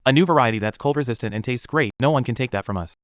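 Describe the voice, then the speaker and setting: An actor playing a young, proud fruit tree breeder who talks steadily and bluntly in a dubbed drama. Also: male voice, medium pitch, very fast, dry recording, studio quality, close to an everyday voice. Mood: businesslike. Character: proud self-made durian grower, young man, calm and firm.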